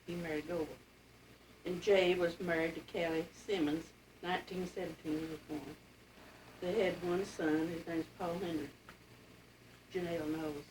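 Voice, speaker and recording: Elderly Appalachian woman, low-pitched, distant mic. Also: steady tone, moderate pace, long pauses, darkish tone. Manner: plainspoken, folksy grammar. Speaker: interviewee telling family history. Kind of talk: casual oral-history reminiscence. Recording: distant mic, clearly noisy home recording.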